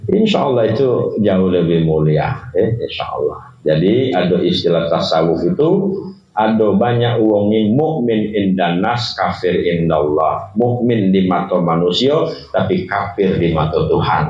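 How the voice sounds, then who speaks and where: A male preacher giving an animated sermon at a religious gathering. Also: unhurried. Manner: animated storytelling, voice rising high for quoted cries. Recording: echoey hall, dull lo-fi sound.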